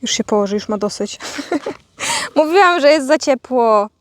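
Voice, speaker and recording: Young woman, fairly high voice, casual farmyard vlog, chatty, teasing scolds for her pets. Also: expressive, a little slow, dry recording. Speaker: vlogger. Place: outdoors on a farmyard.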